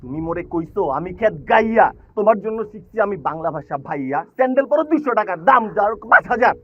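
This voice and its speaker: A man's voice: high voice, lively intonation, fast talker, dull audio. A young man from Barishal speaking in a Barishal accent, rapping in rhyme and ranting in a comedy sketch. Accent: Barishal Bengali. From Barishal, Bangladesh. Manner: rhyming, boastful, ranting. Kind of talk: comedic rap and sketch acting.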